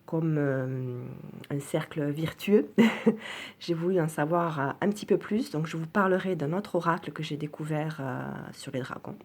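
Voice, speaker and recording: A woman's voice: deep voice, measured pace. A French woman presenting a card deck in a casual video, hesitant and earnest, with many fillers and restarts. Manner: soft, earnest, enthusiastic. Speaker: oracle card reviewer. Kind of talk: casual spoken product presentation.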